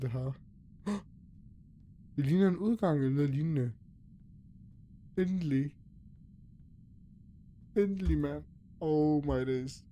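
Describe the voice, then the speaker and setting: A man's voice: medium pitch, warm tone, a little hiss or hum. A young man nervously commentating a horror game, talking to himself and his viewers as he gets scared. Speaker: gaming youtuber.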